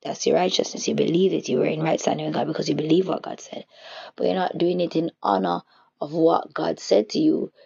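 Low gravelly woman. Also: fairly even intonation, brisk, darkish tone. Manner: reflective, searching for words, many restarts. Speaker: faith teacher. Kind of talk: casual spiritual teaching. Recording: dull lo-fi recording.

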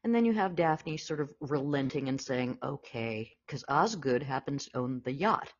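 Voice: mid-range voice, animated, moderate pace. A podcast co-host casually discussing a classic film, often quoting lines and laughing. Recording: dull lo-fi audio.

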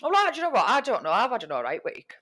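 A woman's voice: fairly high pitch, wildly swooping pitch, very fast, sharp tone. A woman with a Cumbrian accent hosting a casual group chat podcast in a jokey, teasing, sweary manner. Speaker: podcast host.

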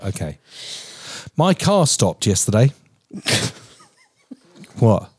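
A man's voice: on the low side, sing-song, drawn-out words, a little mellow, breathy edge, no room sound. Rambling, swearing southern English man. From England. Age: 40s. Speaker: podcast co-host. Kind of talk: casual chat.

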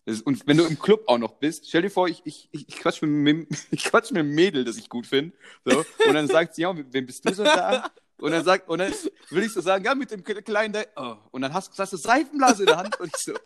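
A man's voice: fairly high pitch, expressive, fairly quick, few pauses. A young man co-hosting a podcast in casual chat, telling stories animatedly and laughing often. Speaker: podcast co-host.

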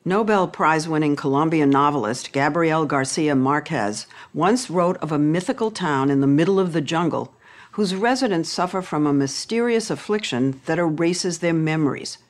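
A woman narrates a television news report in a slightly low voice. She reads the script in a measured, grave way. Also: animated. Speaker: news correspondent.

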